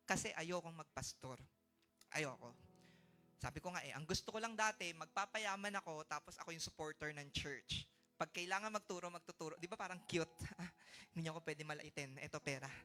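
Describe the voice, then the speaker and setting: Filipino pastor preaching over soft music. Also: male voice, high voice. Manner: switches between soft storytelling and loud exhortation, calls for amens. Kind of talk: sermon with personal testimony. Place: church sanctuary.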